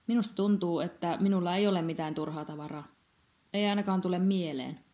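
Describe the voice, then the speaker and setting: A woman's voice: fairly low pitch, warm tone, lightly acted. A woman voicing a friendly man who keeps a mill and politely offers his guest tea and juice. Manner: polite, hospitable questions. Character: friendly hospitable miller man, a kindly host.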